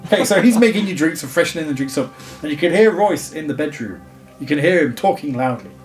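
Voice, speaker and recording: A man's voice: on the high side, lively intonation, quick pace, distant mic, soft background music. A man narrating a tabletop game as game master, chatty and describing scenes in loose lists.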